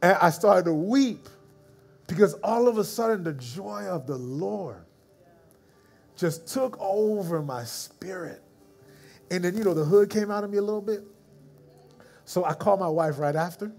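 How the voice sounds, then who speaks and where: A man with a high voice preaches a sermon through personal stories. He slips into casual slang and acts out each person he quotes, then eases into a hushed, slow delivery when he turns reflective. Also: vocal fry, faint music behind. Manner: animated, acts out the people in his stories; drops to a soft, slow voice for reflective moments. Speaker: pastor. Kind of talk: storytelling sermon.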